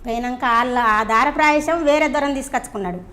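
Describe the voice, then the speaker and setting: A woman's voice: high-pitched, fast, fairly bright tone. A woman with a Telangana accent giving an earnest, pleading account in an interview, often addressing the interviewer as sir. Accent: Telangana Telugu. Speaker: crime victim's wife interviewed. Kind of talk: emotional first-person account.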